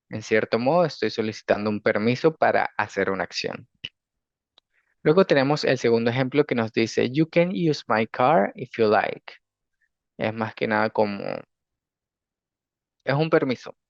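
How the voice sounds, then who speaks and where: Male language teacher, patient lecturing, slow careful example readings; dull, dry lo-fi sound. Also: mid-range voice, no room sound. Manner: patient, explanatory, often checks understanding with "¿sí?"; reads English examples slowly and carefully. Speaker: English teacher. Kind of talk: recorded class lecture.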